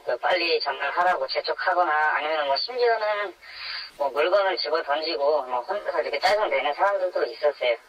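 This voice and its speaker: A man's voice: on the high side, expressive, quick pace, slight background noise. A man in his twenties with an electronically disguised voice, recounting his experience as an anonymous interviewee on a phone call. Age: 20s. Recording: dull, narrow phone line on radio.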